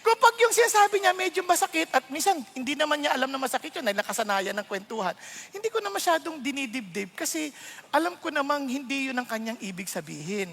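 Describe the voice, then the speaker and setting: A middle-aged male pastor preaching a sermon, animated and laughing often as he mixes English into his talk. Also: extremely high pitch, quick pace, vocal fry. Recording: long reverb of a large hall.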